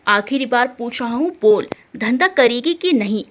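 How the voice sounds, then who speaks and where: A woman voicing a menacing, vengeful man who shouts threats at a young woman. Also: very high voice, lively intonation, normal speed. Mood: threatening.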